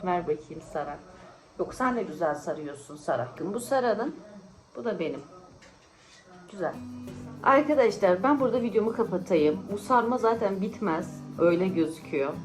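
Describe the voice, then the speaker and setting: A woman's voice: medium pitch, animated, moderate pace, soft background music, low-quality recording. A tired woman vlogging in casual, teasing chat with friends at a friend's home. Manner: chatty, teasing, often laughing.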